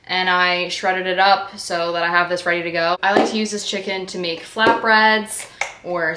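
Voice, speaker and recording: A woman vlogger chatting casually about groceries, a little out of breath. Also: lowish voice. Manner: chatty, explaining food items one by one. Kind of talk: casual chat. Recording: echoey room, faint noise.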